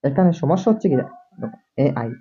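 A man's voice: on the high side, big pitch swings, quick pace, warm tone, slightly rough. Repetitive man teaching English words. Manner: repetitive, drills words over and over; keeps asking "see?" to the viewer. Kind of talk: classroom-style video lesson. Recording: dull lo-fi recording.

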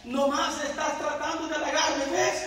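A man's voice: very high-pitched, level tone, normal speed, fairly bright tone, pitched above the performer's own voice. A man voicing a tearful, touchy young wife with whiny, sobbing complaints, in an echoey hall. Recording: echoey church hall, mic at a distance.

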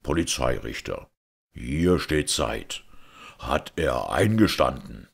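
A grave caliph delivers judgment in a very deep, gravelly, measured voice, as a male narrator gives him voice. It is husky and stern throughout. It plays as a classic fairy-tale audiobook. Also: expressive, heavily acted.

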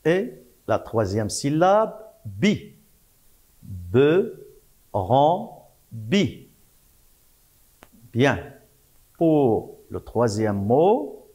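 Slow, patient male schoolteacher. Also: medium pitch, a little mellow. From Morocco. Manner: spells out syllables slowly, repeats words, praises often. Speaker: primary school teacher. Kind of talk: slow, patient French lesson for young children.

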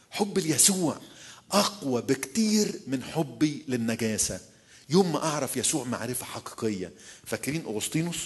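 A man with an Egyptian accent preaches at a quick clip. His voice is deeply husky and rough. He keeps repeating his key phrases and firing questions at the listeners. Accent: Egyptian Arabic. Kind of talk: sermon at a church retreat.

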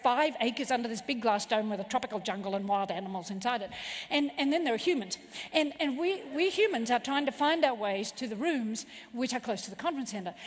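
A woman giving a motivational keynote speech to a live audience at a large conference venue, telling stories in a playful, animated way. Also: fairly high pitch, slightly rough. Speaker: motivational speaker. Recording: long hall reverb.

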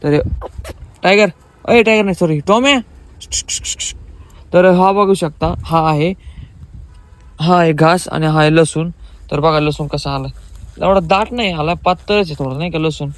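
A man's voice: on the high side, unhurried, long pauses. A young man casually vlogging around his rural farm, chatting to his viewers as friends on a handheld phone. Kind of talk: casual vlog chat. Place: rural farmyard and fields, outdoors.

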